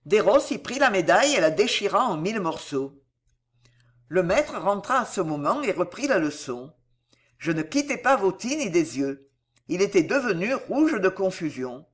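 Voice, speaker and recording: A narrator reading a classic novel aloud with expressive delivery. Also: medium pitch, moderate pace.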